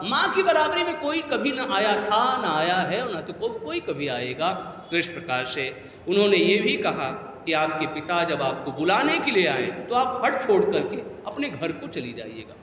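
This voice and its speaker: A man's voice: sits high, pushed and bright, slight background noise. A man telling a devotional story as a sermon, voicing the characters' lines with rising emotion. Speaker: religious storyteller. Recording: echoey hall, faint ambience.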